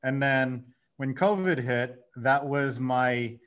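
A man in his thirties, a guest on a podcast, telling his story in a lively way and acting out his own inner dialogue. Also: medium pitch, slow. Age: 30s. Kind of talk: casual conversation.

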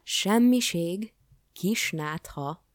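A woman reading a storybook aloud, voicing a boastful, fearful old king with a cold who shouts and whines. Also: sits low, creaky, dry recording, clean studio sound. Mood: furious.

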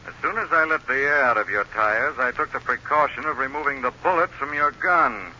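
An actor playing a mysterious male avenger who taunts a criminal in a 1940s radio drama, slow and deliberate, with a mocking laugh. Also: mid-range voice, bright, forceful tone. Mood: taunting. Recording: dull old radio broadcast with hiss.

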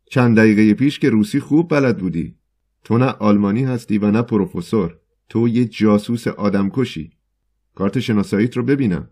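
A man voicing an enraged young male poet who shouts accusations in a storybook reading. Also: on the low side, voice pushed up, natural voice. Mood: angry shouting.

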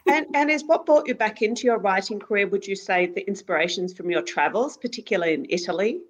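A woman's voice: mid-range voice, animated, quick pace. A woman interviewer who asks questions enthusiastically and offers encouraging murmurs while her guest talks. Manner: enthusiastic, encouraging, frequent back-channel murmurs. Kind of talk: interview talk.

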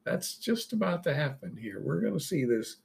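A man's voice: fairly high pitch, sing-song, moderate pace, creaky, darkish tone. A man reading scripture verse by verse and explaining it in a casual, offhand way, pushing harder on the quoted verses. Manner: reads verses aloud, then explains them in an offhand way. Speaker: Bible teacher.

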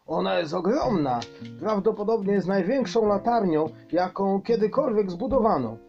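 A man's voice: high voice, moderate pace, creaky, pitched above the performer's own voice. A puffed-up, enthusiastic father troll full of big plans, voiced by a man. He speaks in a lifted, sweeping way. The storybook recording sounds muffled, with plucked guitar behind. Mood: proud. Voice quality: raised, excited and grandiose. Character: proud enthusiastic father troll, grand-talking.

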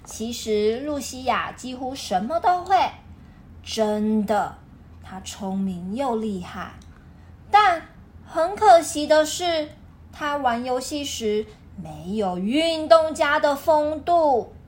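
A woman's voice: a little high, takes it slowly. A woman reading aloud to a toddler, expressively explaining and asking simple questions in a teacherly way. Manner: expressive, questioning, teacherly way of talking to a small child. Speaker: parent reading a picture book with a child.

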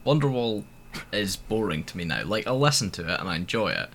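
A man co-hosting a casual music review podcast, animated and opinionated, often restarting his sentences. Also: on the low side, brisk. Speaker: podcast co-host.

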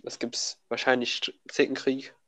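A man's voice: mid-range voice, monotone, normal speed, a bit bright. A young man, a student, in casual chat, slangy and laughing often, with many restarts. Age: young adult.

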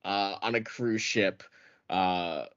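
This podcast co-host is a man whose voice sits low and slow with a slightly bright edge. He trades casual banter, sarcastic and swearing freely, and the audio is dull and lo-fi.

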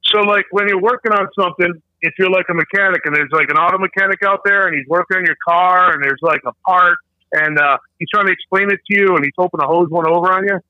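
A man's voice: sits high, quick pace, dry recording. A man calling in over a phone speaker, chatting casually and jokingly with loose, rambling talk. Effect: heard over a phone speaker. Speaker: guest on call. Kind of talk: casual chat. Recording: tinny dry phone line.

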